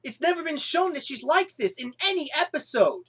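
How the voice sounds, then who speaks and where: A young woman vlogger rants about a cartoon episode in an exasperated, animated review with sudden outbursts. Her voice is high and fairly quick.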